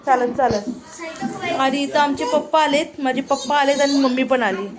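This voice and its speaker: High-voiced chatty woman vlogger. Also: steady tone, moderate pace, over music. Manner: chatty, talks to viewers and coaxes children. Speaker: family vlogger. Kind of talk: casual family vlog narration.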